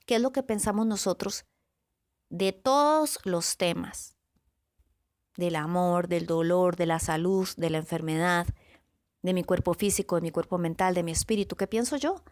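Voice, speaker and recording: A woman motivational speaker giving a calm, reflective podcast talk, listing words one by one with pauses and often checking in with her listeners. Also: lowish voice. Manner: often checks in with the listener with a soft question tag. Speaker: motivational speaker on self-awareness.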